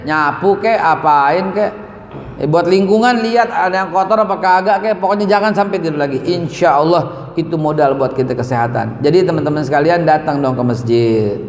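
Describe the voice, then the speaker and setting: A man's voice: on the high side, fairly quick. A man preaching a mosque sermon, emphatic and slangy, his voice rising as he presses a point. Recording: echoey hall reverb.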